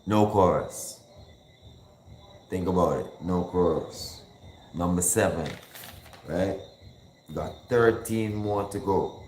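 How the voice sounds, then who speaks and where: A man's voice: low voice, slow pace, long pauses, a little mellow. A man hosting a hip hop call-in show, chatting casually and slangily as he counts down songs. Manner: laid-back, slangy, counts down songs and breaks into rapping. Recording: echoey room with faint background noise.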